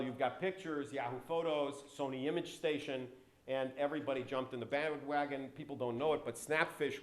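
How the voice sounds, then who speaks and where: This is a storytelling talk: a man with a low voice, appearing as a guest speaker, recounts business stories to an event audience. His delivery is animated, with big rises in pitch and loudness on important words. He sometimes drifts from his handheld or stand mic, amid roomy hall echo.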